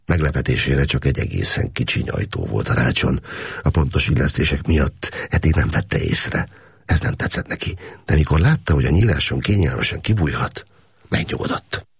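Very deep gravelly male narrator. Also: no room sound, studio quality. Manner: steady storytelling. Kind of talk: audiobook narration.

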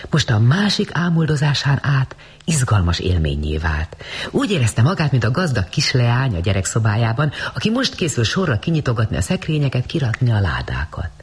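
A man narrating a story as an audiobook, reading in an expressive, dramatic way. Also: medium pitch, breathy edge.

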